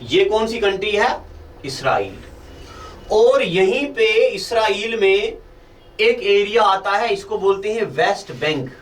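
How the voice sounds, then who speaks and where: Male tutor, high voice, drilling students with repeated questions, recorded from a distance. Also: animated, slow, reverberant, a little hiss or hum. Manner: addresses students as children, asks and repeats answers. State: fasting, low energy. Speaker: teacher. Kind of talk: online exam-prep lecture.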